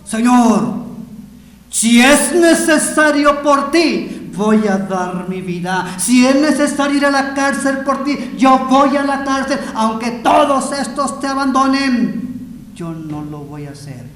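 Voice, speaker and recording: Peter, a fervent grown man who pleads loudly and insistently, as a male preacher puts him on in a Mexican accent. The voice is high and strained, and it echoes off a large hall with a long reverb. Faint background noise hangs behind it. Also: lively intonation, moderate pace, lightly acted. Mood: fervent vow. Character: Peter, impassioned grown man, frightened denier.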